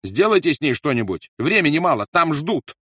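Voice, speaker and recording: Volatile shouting interrogator, read by a man, high, loud, dry recording. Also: sing-song, brisk, slightly rough, no room sound, exaggerated voice. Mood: irritable. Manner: shouting, raging, threatening. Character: ruthless male wartime interrogator, shouting, volatile.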